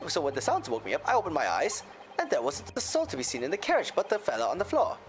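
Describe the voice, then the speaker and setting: A man's voice: a little high, wildly swooping pitch, fast talker, faint music behind. A man voicing a folksy, genial Irish moneylender in a courtroom game, with an Irish accent and a theatrical lilt. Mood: deferential, folksy. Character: folksy, smooth-talking Irish moneylender, genial male witness. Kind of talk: voiced reading of game dialogue.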